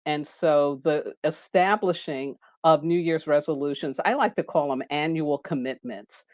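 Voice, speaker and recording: A little slow in pace, this low-pitched woman speaks loudly and warmly to live-stream viewers about astrology, keeping things loose and casual. She laughs often and rises sharply in pitch when excited, while her mic rests on the table.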